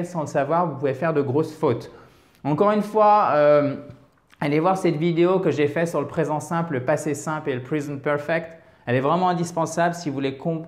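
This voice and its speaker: A man from France teaches an online English lesson, explaining step by step with examples and dropping quick "ok?" and "d'accord?" check-ins. His voice is fairly high-pitched, and the sound is roomy.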